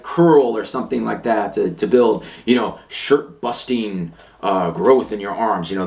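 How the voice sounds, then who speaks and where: A man on a fitness channel, ranting to camera, blunt and emphatic, who hammers his points home by repeating them. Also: on the low side. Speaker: fitness vlogger.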